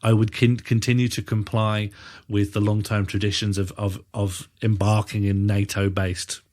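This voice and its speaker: A man talking his way through a tricky scenario on a comedy podcast, stopping and restarting as he thinks. His voice sits on the low side. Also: level tone, normal speed, a little mellow. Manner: thinks aloud, hesitant with restarts and fillers. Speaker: podcast co-host playing prime minister. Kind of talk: improvised comedy podcast chat.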